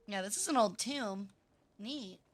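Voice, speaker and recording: A woman's voice: mid-range voice, animated, unhurried. A woman livestreamer chatting to her viewers in a playful, cutesy anime-streamer manner.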